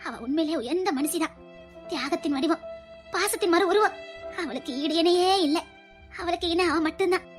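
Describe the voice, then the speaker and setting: A woman's voice: very high-pitched, normal speed, pauses often, soft background music. A woman playing a proud, loving elderly grandmother who speaks with a Tirunelveli Tamil accent in a comedy skit, sentimental and preachy.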